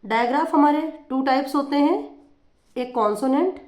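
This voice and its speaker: A woman's voice: sits high, moderate pace, a little mellow, reverberant. A woman teacher explaining phonics in a patient lesson, repeating examples as she goes.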